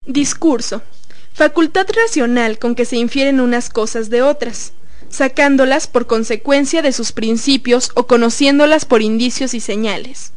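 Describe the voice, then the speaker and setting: Female reader for definitions, a bit high, dry close recording. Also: normal speed, no room sound. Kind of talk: reading dictionary definitions.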